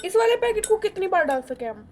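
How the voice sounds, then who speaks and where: Her voice is very high with big pitch swings, and she talks fast. She's a young woman vlogging casually from her hostel room in a Western Uttar Pradesh Hindi accent, blunt, rambling and often laughing, originally from western Uttar Pradesh, India.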